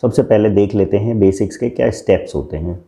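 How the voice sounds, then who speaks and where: Man, language coach voice-over, deep mellow voice, slow on definitions, close mic. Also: vocal fry. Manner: slows down to read English definitions aloud. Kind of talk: Hindi-English mixed lesson explanation.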